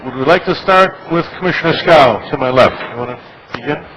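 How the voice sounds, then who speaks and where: A mid-pitched American man chairs a government meeting, moving through procedure in informal phrases. There is some faint room noise behind him. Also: brisk, a bit bright, low-quality recording.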